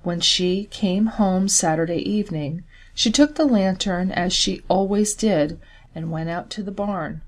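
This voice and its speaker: Measured woman reading a story aloud. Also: on the low side. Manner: measured, slows on key details. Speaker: story reader. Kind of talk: scripted story narration.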